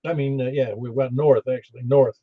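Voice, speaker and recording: A man working as a ham radio net controller, halting and easygoing as he takes an informal roll call. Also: medium pitch, steady tone, slight background noise. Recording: dull band-limited ham radio audio.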